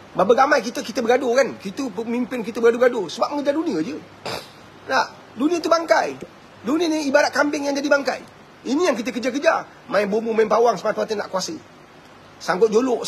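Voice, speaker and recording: A man with a Malaysian Malay accent giving a live-streamed religious talk, animated and chuckling, always asking his listeners whether they agree. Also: extremely high pitch, a little hiss or hum. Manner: animated, keeps asking the audience "right?"; chuckles often. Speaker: preacher.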